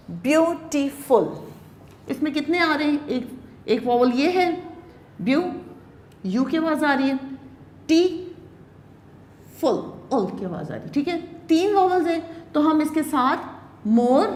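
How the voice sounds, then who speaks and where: Slow, echoey-voiced Pakistani woman teacher. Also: sits high. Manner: explains slowly, spells out words letter by letter, often asks "theek hai". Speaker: English teacher. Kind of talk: classroom grammar lecture.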